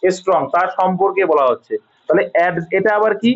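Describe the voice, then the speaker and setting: A man with a Bengali accent works through an English grammar lesson, explaining each correction patiently and often checking that his students follow. His voice sits a little high for a man. The recording is dull and lo-fi. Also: fairly quick, vocal fry. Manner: patient, repeats points and checks understanding. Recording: dull lo-fi sound.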